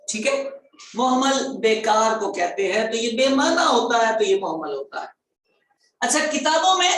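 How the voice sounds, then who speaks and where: High-voiced man teaching grammar, echoey. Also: fairly bright tone, a little hiss or hum. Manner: repeats key terms, quizzes students, stretches words slowly for emphasis. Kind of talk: online grammar class lecture. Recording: very echoey room, voice far from mic.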